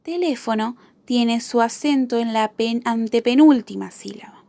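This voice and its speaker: Slow, careful woman teacher. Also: on the high side, gravelly, mellow, dry recording. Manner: slow, repeats each example word carefully. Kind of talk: spelling lesson for children.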